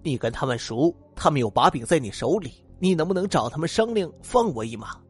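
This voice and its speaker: A man's voice: on the high side, animated, brisk, husky, soft background music. A man voicing a panicked, scheming businessman in a told story, pleading and nervous.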